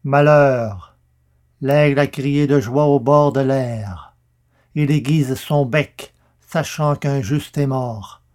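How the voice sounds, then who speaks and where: A man's voice: mid-range voice, extremely slow, darkish tone. A man voicing a wrathful old prophet, declaiming curses in solemn, thundering verse.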